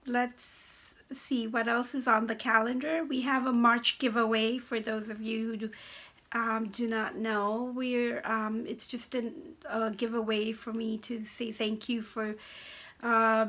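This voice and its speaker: A woman's voice: fairly high pitch, creaky, sharp tone. Hesitant woman, voice giving out. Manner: hesitant, halting with frequent pauses. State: voice giving out, slightly hoarse. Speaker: knitting podcast host. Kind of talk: casual chatty video podcast.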